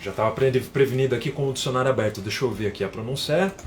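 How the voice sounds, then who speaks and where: A man's voice: medium pitch, very fast, slight background noise. A man teaching English on a live stream, explaining patiently and reading out viewer comments as he goes. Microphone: phone.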